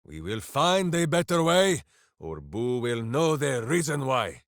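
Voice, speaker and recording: As a warrior hero in a video game who is both dim and big-hearted, a man speaks of himself in the third person, very animated and a little slow, in a medium pitch. The tone is boisterous and theatrical yet earnest and simple-hearted, recorded in the studio with no room sound.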